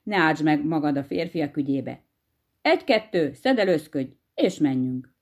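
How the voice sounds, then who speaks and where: A woman's voice: sits low, expressive. Woman voicing a crafty old hedgehog farmer. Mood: bossy. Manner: easygoing, crafty, bossy to his wife. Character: sly, unhurried old male hedgehog farmer.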